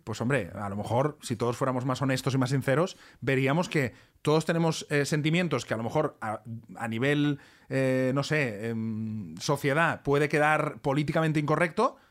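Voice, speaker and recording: A man's voice: mid-range voice, moderate pace. A man, co-hosting a podcast in casual chat, reflective with joking asides. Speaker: podcast co-host.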